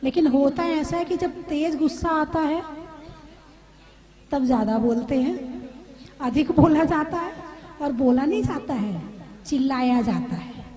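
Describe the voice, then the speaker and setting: A Jain preacher, a woman with a high, dark-toned voice, gives an animated sermon to a seated audience at a live gathering. She speaks a little slowly with long pauses, repeats her points, and poses questions to the listeners.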